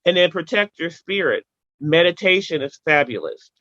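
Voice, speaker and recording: A woman guest in a casual interview, telling animated stories with emphatic repetition and playful sound effects. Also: fairly low pitch, moderate pace, dry recording, muffled recording.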